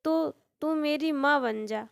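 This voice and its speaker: A woman voicing a sharp-tongued old mother-in-law who nags and complains, in a storybook tale. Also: high voice, slow pace, gravelly, full character voice. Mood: scolding. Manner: scolding, complaining.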